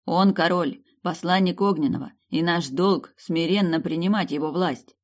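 A man's voice: on the high side, moderate pace, natural voice. An audiobook reader voicing a blunt male dragon noble who snaps and barks his words. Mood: gruff. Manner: gruff, snapping.

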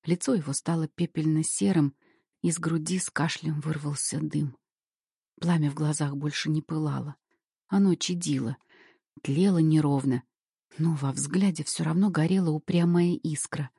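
A woman narrates a story in the first person, measured and softly dramatic. Her voice is low, dark and mellow, with a husky edge. The recording is dry, with no room sound. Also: fairly even intonation, no room sound.

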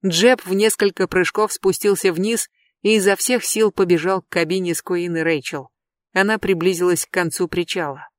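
An audiobook narrator reading a tense thriller in a steady, even way. The voice sits at a middle pitch, and the recording is dry and close with no room sound. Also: moderate pace, dry recording.

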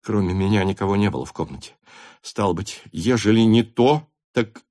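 A young cadet speaks softly, his voice trembling and strained, as a male audiobook reader plays him. The voice is low and held back. Each word comes with effort. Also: moderate pace, lightly acted. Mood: tense, quiet. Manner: quiet, trembling voice. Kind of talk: audiobook character voice.

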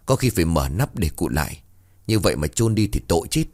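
Fretful older funeral-goer, read by a man in an audiobook ghost story, low and tense. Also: very animated, a little fast, darkish tone. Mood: worried.

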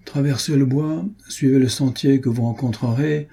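A man reading an audiobook, voicing a cautious, practical male lackey with a brisk manner. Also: medium pitch, fairly even intonation, vocal fry, warm tone, husky, pitched above the performer's own voice.

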